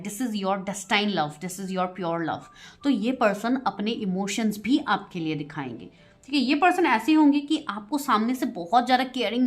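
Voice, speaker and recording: Giggly woman tarot reader, somewhat high voice. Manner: giggly, keeps breaking into laughter; chatty, mixes English into her talk. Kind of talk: tarot reading video for viewers.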